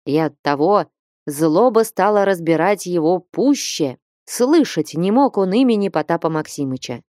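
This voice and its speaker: Brief: a woman narrator for an audiobook, lively intonation, dry close sound. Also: lowish voice, normal speed, dry recording. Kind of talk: audiobook reading of classic prose.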